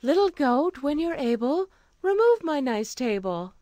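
A woman's voice: very high voice, expressive, unhurried, dry recording, voice pushed up, exaggerated voice. A woman voicing a hungry, mistreated little girl who speaks in a pleading, plaintive way in a storybook reading. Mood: earnest.

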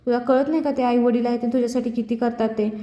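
Woman doing a young woman telling a guy off, reproachful, higher voice, roomy echo. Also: steady tone, fast talker, mellow, close to an everyday voice. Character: young woman rebuking her brother-in-law. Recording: echoey room.

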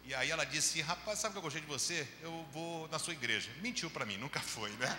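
Bright-voiced preacher man in an echoey church. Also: a little high, slight background noise. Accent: Brazilian Portuguese, Rio de Janeiro. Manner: lively storytelling, acts out dialogue, swings from loud to quiet. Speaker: pastor. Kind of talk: sermon. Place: church hall. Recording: echoey church hall, long reverb, faint ambience.

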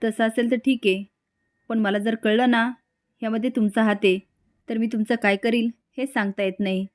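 A woman's voice: a little high, fairly even intonation, normal speed, lightly acted. A woman voicing a loyal young woman who speaks firmly and defiantly. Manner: firm, defiant.

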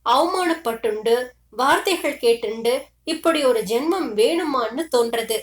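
A woman's voice: a little high, expressive, unhurried, reverberant. A woman voicing a grieving middle-aged mother who pleads and complains through tears. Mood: tearful pleading. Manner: tearful, pleading, bitter complaints.

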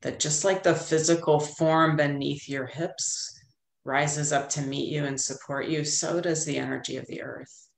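Woman, calm grounding exercise, soothing and unhurried, even low-key pitch, gravelly fry, video call. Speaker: meditation guide. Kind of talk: calm guided grounding meditation. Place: indoor room with plain wall, on a video call. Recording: roomy, echoey video call audio.

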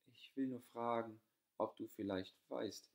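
A man voicing a gentle, poor young woman who speaks softly, shyly and politely. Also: medium pitch, a little slow, creaky, voice pushed up. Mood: pleading. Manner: soft, shy, polite.

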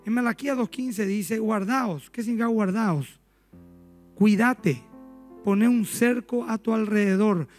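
A man with a Paraguayan Spanish accent preaching a sermon as pastor in a church, telling stories in an animated way and acting out the dialogues. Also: high-pitched, measured pace, faint music behind.

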